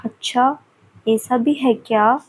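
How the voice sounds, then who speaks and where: A woman voicing a caring young man in a storybook romance, speaking softly and soothingly. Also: fairly high pitch, fairly even intonation, takes it slowly, a little hiss or hum, rough recording. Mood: tender. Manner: soft and soothing. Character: tender caring young man, loving husband.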